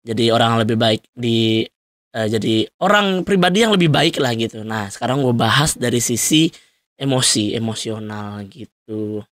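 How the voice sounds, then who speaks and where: A man's voice: mid-range voice, animated, moderate pace, fairly bright tone, no room sound, studio quality. A young man hosting a solo podcast, talking loosely and rambling with frequent fillers and laughs. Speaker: podcast host. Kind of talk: solo casual podcast monologue.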